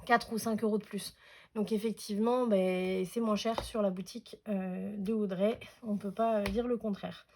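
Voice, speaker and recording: A woman's voice: mid-range voice, fairly even intonation, normal speed, warm tone, a little hiss or hum. Chatty French-speaking woman crafting tutorial. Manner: chatty, hesitant with many fillers. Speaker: scrapbooking tutorial host.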